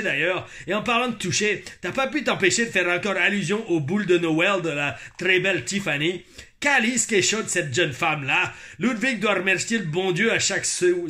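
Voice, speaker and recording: A cheeky, teasing Québécois guy, as a man puts him on, stretching his words in a mocking, playful drawl with a put-on Québécois accent. The voice sits a little high and sounds bright and forceful.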